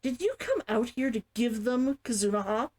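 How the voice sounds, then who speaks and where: A woman's voice: on the high side, expressive, moderate pace, darkish tone. A woman voicing a blunt, suspicious female guard who questions sternly, in a storybook narration. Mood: insistent. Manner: blunt, interrogating.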